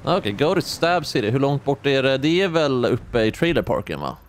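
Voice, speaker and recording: Animated young man joking through gameplay. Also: medium pitch, slight background noise. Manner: excitable, joking, rambling. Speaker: gaming video host. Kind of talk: casual gameplay commentary.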